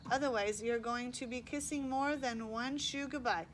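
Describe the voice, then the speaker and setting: A brisk, practical transit cop who hands out dry advice, as a woman reads her. Her voice sits fairly high, with faint noise underneath. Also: close to an everyday voice. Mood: matter-of-fact. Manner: matter-of-fact, dry advice.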